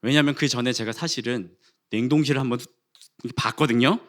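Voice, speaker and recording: A man in his forties preaching a sermon in a church, telling a funny personal story with lively acted-out dialogue. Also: medium pitch, brisk. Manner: animated storytelling, acting out quarrels and rising to loud exclamations. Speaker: pastor. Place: church sanctuary.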